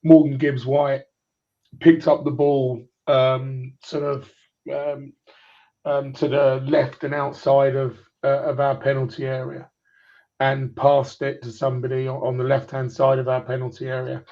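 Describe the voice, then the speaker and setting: This forties-aged man speaks in a mid-range monotone at a measured pace. His casual football chat comes through a clipped phone line, wandering and repeatedly starting his points over.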